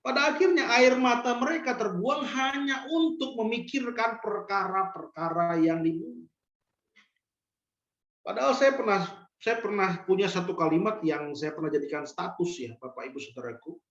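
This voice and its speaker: A male pastor delivers a sermon, pressing the congregation with direct questions and slowly repeating his main lines. His voice carries through a roomy space with some echo. The recording sounds a little dull and lo-fi. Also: high voice, fairly bright tone.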